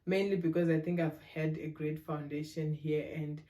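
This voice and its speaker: Answering interview questions in a relaxed, conversational way, a woman from Zimbabwe in her twenties speaks with a low, warm voice and fairly steady pitch. She is measured and thoughtful, and fillers crop up often.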